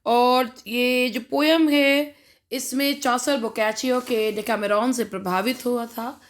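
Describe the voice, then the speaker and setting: A woman's voice: a little high, fairly even intonation, slow. An Indian woman teaching English literature for an exam, reading each question aloud and then explaining it with frequent fillers. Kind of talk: exam-prep lecture.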